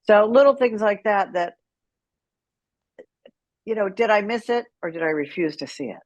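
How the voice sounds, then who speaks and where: Speaking at normal speed in a mid-range voice, a middle-aged American woman tells stories as an interview guest, candid and wry. The caregiver advocate animatedly quotes dialogue, while the audio is a little dull and very dry, with hardly any room around her voice.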